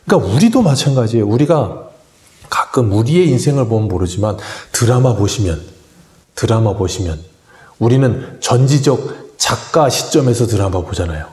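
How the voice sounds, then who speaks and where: A man's voice: fairly low pitch, animated, normal speed, a little mellow, roomy sound. A man preaching a morning sermon as pastor, asking the congregation questions and answering them himself. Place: church sanctuary.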